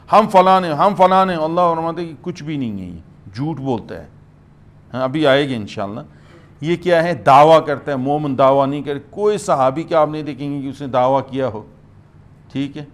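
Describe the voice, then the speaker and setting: Emphatic man giving a Quran lecture. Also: fairly high pitch. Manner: emphatic, asks "hm?" and "theek hai" to the listeners. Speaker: mufti giving Quran commentary. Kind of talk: lecture-style Quran commentary to a gathering.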